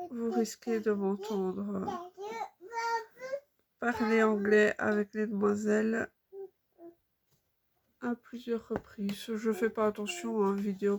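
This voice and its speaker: A woman in her thirties chatting casually while she stitches, unhurried and full of fillers. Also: a little high. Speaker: cross-stitch vlogger.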